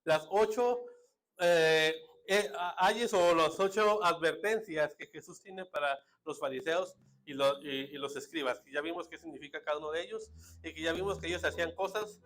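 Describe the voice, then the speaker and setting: A man's voice: a little high, normal speed, a bit bright. A man with a northern Mexican accent preaching a sermon as a pastor, in a casual, joking way full of rhetorical asides. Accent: northern Mexican Spanish.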